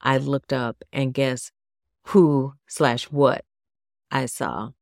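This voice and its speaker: Podcast host, woman, low and slightly gravelly, unhurried, a bit nasal, dry close mic. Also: dry recording. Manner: gentle, chatty, self-deprecating. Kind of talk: solo podcast talk.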